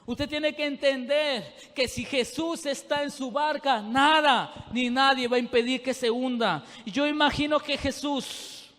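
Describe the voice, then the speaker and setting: A man's voice: very high voice, a little slow, hardly any pauses, fairly bright tone. A man preaching a sermon, speaking fervently and directly to the congregation. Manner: fervent, addresses the congregation directly with rising intensity. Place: church. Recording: long reverb of a church hall.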